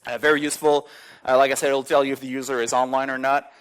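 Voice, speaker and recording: A man's voice: medium pitch, level tone, quick pace, clear, resonant tone. A man giving a live tech conference talk with demos, casual and filler-heavy, often chuckling between points. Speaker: conference speaker. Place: conference hall with audience.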